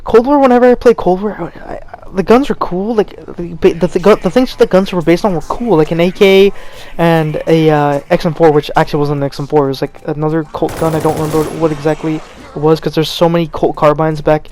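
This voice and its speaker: The young gaming host is cold and stammers as he rambles through an unscripted commentary rant, restarting often. He keeps a steady tone at a fairly quick pace with few pauses, his higher voice a little mellow. Slight background noise can be heard.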